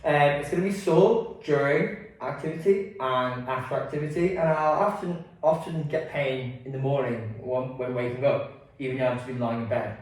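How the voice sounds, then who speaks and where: A man's voice: mid-range voice, normal speed. A man hosting an informal workshop, his voice slightly muffled as he talks through a face mask. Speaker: workshop host at an osteopathy and physiotherapy clinic. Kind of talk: informal clinic workshop presentation. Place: indoor room at a clinic. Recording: very echoey room, distant mic.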